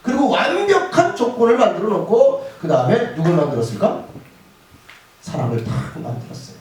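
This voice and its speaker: A male pastor giving a lively sermon to students in a school chapel, often asking them questions. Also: sits high, brisk. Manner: lively, asks the audience questions. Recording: echoey hall from far off.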